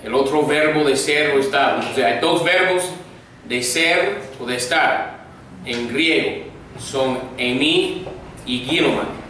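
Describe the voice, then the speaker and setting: A man's voice: mid-range voice, slow pace, sharp tone. A man teaching a Koine Greek grammar class, patiently drilling vocabulary and asking the students to repeat after him. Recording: echoey room, mic far off, faint noise.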